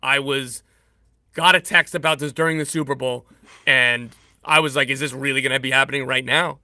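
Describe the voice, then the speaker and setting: A man's voice: mid-range voice, fairly quick, no echo, studio quality. A man co-hosting a sports podcast, chatting casually and jumping between restarts and self-corrections as he shares news. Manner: animated, self-correcting, jokey. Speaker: podcast co-host and insider.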